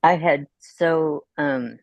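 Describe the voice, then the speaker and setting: A woman's voice: low-pitched, extremely slow, vocal fry, a little mellow, no echo, lo-fi sound. A middle-aged woman chatting casually as a guest on a video call, telling stories and laughing often. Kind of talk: casual chat.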